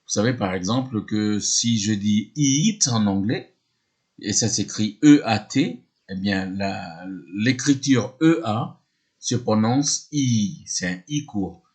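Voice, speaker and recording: A man's voice: lowish voice, lively intonation, a little mellow. A man teaching a lesson, explaining patiently, often hesitating and repeating himself, spelling words letter by letter. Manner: often hesitates with drawn-out fillers. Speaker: English teacher.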